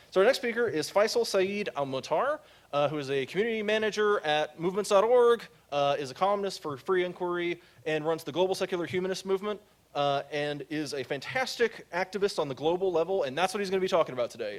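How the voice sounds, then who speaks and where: A man hosting a conference, introducing the next speaker in a brisk, informal way. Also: a little high, lively intonation. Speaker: conference host.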